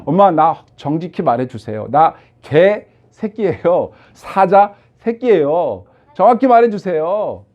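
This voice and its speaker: A man's voice: fairly high pitch, lively intonation, a little slow, hardly any pauses, darkish tone, voice pushed up. A man voicing an insecure young male lion cub who asks anxious, pleading questions in a sermon story, on a dull lo-fi recording.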